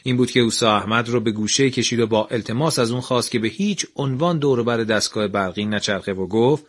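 A man narrating a scripted radio story in an even, measured way. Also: mid-range voice.

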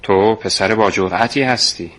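A man voicing a calm, secretive grown man who speaks in a reassuring, confiding way. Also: lowish voice, close to an everyday voice. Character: calm secretive middle-aged man recruiting a boy.

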